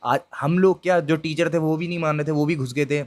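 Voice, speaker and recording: Talking straight to his viewers, a young man recounts a ghost story that happened to him, keeping it loose and full of check-in fillers. His voice sits on the high side with a darkish tone and fairly even intonation, and he speaks briskly.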